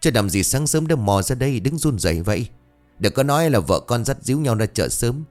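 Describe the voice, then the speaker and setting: A prying, teasing middle-aged village woman pokes fun at her jittery neighbor, her voice pitched up and quick, as a male storyteller puts her on. She rises and falls widely over soft background music. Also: sing-song, close to an everyday voice. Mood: teasing, puzzled.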